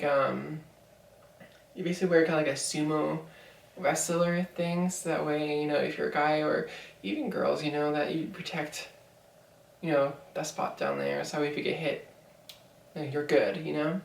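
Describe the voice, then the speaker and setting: A woman's voice: sits low, far from the mic, slight background noise. A young woman in her twenties telling a story in a casual vlog, rambling with lots of fillers. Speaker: vlogger. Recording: echoey room, voice from off mic.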